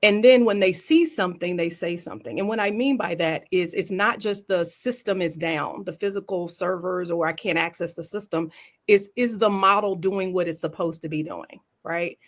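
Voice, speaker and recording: A woman's voice: on the low side, normal speed. A woman with a Southern US accent, speaking emphatically as a panelist in a discussion. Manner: emphatic, folksy, uses rhetorical "right?".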